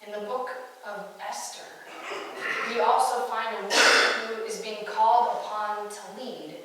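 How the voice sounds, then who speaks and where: A woman's voice: mid-range voice, fairly even intonation, unhurried, noisy background. A woman pastor giving an earnest, storytelling sermon in a church. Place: church sanctuary. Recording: echoey church hall, far-off mic.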